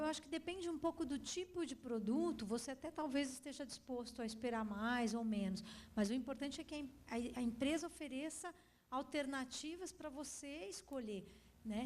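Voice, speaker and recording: A woman's voice: sits high, a little mellow. A woman with a Brazilian accent speaking at a conference, answering audience questions in an explanatory way with examples.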